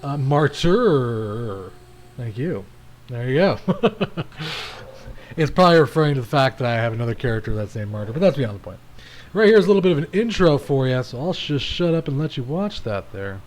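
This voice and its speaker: A man's voice: medium pitch, sing-song, fairly quick, darkish tone. A man hosting a gaming channel, giving casual, rambling commentary with frequent restarts while he plays.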